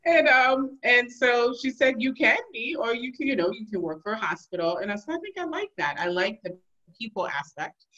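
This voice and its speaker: Speaking at a moderate pace in a fairly high voice, this woman is a Liberian emergency physician guesting on a podcast interview. She tells her stories casually and animatedly, with frequent laughter, though the recording is muffled.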